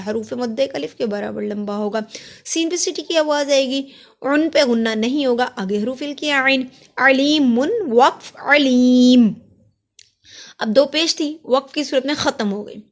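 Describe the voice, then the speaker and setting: A woman teaching tajweed, patiently explaining each letter and rule step by step between slow recited words. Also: high-pitched. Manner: chants drawn-out Arabic recitation.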